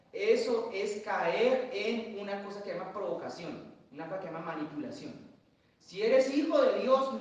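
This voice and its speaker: A man, preaching a lively sermon full of acted voices and asides. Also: high voice, highs cut off, slight background noise. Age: late 30s. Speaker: pastor. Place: large church hall. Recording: echoey church from far off.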